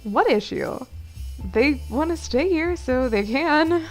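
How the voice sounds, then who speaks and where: A woman's voice: high-pitched, lively intonation, takes it slowly, soft background music. A young woman reading a visual novel aloud with playful, giggly commentary and the occasional swear. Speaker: let's play host.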